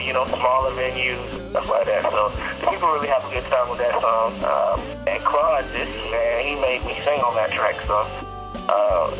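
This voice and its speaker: Man, phone line, casual interview guest, rambling with fillers, from carolina. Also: mid-range voice. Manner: loose and rambling, many fillers and restarts. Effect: heard over a phone line. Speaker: gospel artist guest.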